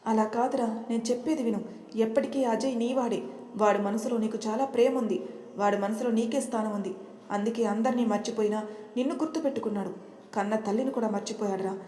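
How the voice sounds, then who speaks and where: A woman's voice: on the high side, fairly even intonation, a little fast, warm tone, lightly acted. Woman voicing a stern protective brother. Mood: consoling. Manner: stern, scolding. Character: angry protective older brother, man. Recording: roomy echo.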